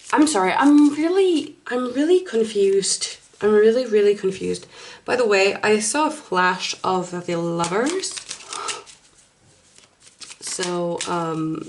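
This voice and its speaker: A woman's voice: medium pitch, slight background noise. A woman from Finland with a Finnish accent, a native Finnish speaker, giving a casual tarot card reading in a hesitant, apologetic way as she searches for words. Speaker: tarot reader.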